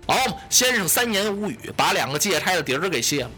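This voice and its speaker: A man narrating a traditional story in a lively, dramatic way, voicing the sound effects himself. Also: high-pitched, brisk, faint music behind.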